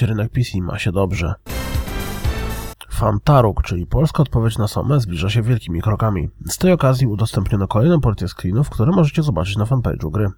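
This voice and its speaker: Male podcast news host, a touch hoarse, fairly low and dark-toned, reading from a script. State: slightly hoarse.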